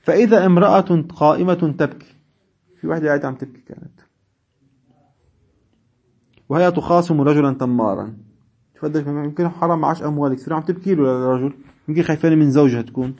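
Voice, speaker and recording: A man's voice: on the high side, very fast, a little mellow, highs cut off. A man teaching a seminary class, reading classical texts and explaining them in dialect with chuckling asides. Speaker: religious studies teacher.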